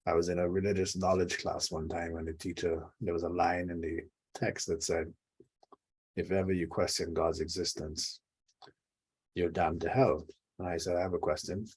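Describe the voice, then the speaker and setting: Middle-aged male interview guest from Trinidad and Tobago, deep husky voice, reflective and drily humorous. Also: little pitch movement, normal speed, a little mellow, poor audio. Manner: reflective storyteller, dry humor. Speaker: guest, leadership coach. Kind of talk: conversational interview.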